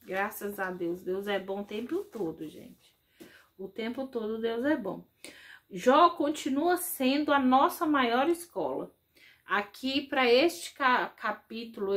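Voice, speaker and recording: A woman catechist with a Brazilian Portuguese accent gives a religious reflection talk in an animated, conversational way, often turning to her listeners directly. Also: fairly high pitch.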